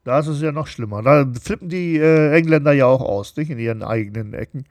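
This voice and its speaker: A middle-aged man co-hosts a relaxed chat show. His voice sits a little higher than usual for a man and sounds dry and close to the mic. He rambles with many fillers and keeps checking in with tag questions. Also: a little fast, no room sound. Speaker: podcast co-host. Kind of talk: casual chat.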